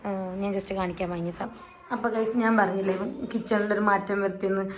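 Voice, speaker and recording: A young mother vlogging from her home kitchen, talking to viewers in low, soft asides. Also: steady tone, fast, slight background noise. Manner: high sing-song baby talk with her toddler. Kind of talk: casual home vlog.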